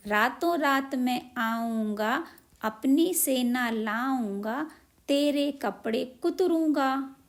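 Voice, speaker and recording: A woman doing a mischievous storybook mouse, bold and demanding. His threats come out as a chanted little song, and the voice sits a bit high. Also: measured pace, a little mellow. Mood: sing-song. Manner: sing-song threats, insistent. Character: cheeky little male mouse, stubborn and demanding.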